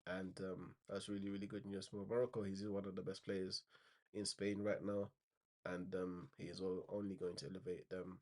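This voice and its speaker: His low, dark voice barely changes pitch as he moves at a moderate pace through a relaxed football news roundup. A slight cold leaves him a little nasal, and his rambling is full of fillers and false starts.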